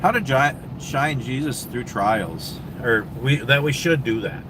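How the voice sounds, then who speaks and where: At a truck stop loud with traffic and air conditioning, a man with a Minnesota accent chats unhurriedly on his livestream. His mid-range voice is expressive. He wanders easily through viewer questions, often saying um and starting over.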